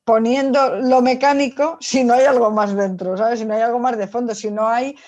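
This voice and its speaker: Her voice is a little high and a little mellow, with fairly even intonation at a moderate pace. As a woman psychologist interviewed as a guest, she gives her opinions emphatically and informally, often with rhetorical questions, in dull lo-fi audio.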